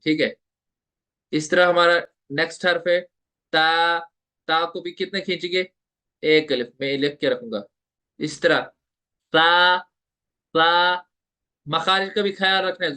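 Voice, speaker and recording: With a higher voice and a sharp tone, this patient man teaches Tajweed recitation in an online lecture. He goes over points again, puts questions to the listener, and stretches letter sounds as demonstrations.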